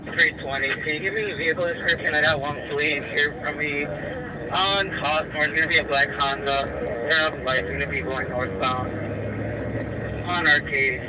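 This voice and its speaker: A police officer speaking over a police radio transmission in clipped codes and call numbers. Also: male voice, a little high, fairly even intonation, moderate pace. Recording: loud static over scanner feed.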